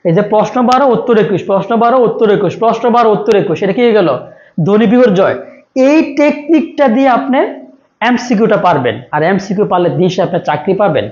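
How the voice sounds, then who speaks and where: A man's voice: high-pitched, sing-song, very fast, a little mellow. A male teacher giving an exam-prep grammar lecture, repeating points and asking and answering his own questions. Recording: echoey muffled room.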